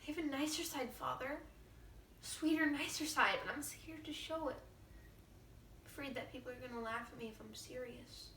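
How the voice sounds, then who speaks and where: A woman playing a troubled teenage girl who pleads softly and earnestly with her father. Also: sits high, normal speed, reverberant, distant mic, slight background noise. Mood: pleading.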